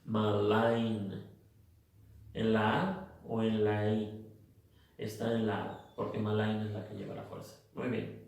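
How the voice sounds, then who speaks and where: A man teaching English pronunciation in a slow, methodical way, drilling word lists one by one. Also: on the low side, steady tone, gravelly, a little mellow. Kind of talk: recorded phonics lesson. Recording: echoey room, mic far off.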